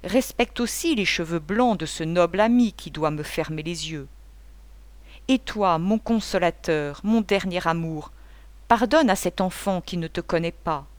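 A woman reading an older mother who plays the martyr, cooing and pleading in a theatrical way. The voice sits a little higher than the reader's own in this storybook reading. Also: unhurried, dry recording, natural voice. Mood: melodramatic. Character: old woman, melodramatic, self-pitying mother. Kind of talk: audiobook character voice.

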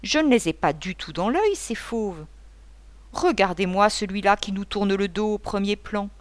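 A woman's voice: medium pitch, animated, moderate pace, no echo, close to an everyday voice. A woman voicing a boisterous, talkative male painter who rambles and gives orders in a mocking tone. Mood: chattering, bossy.

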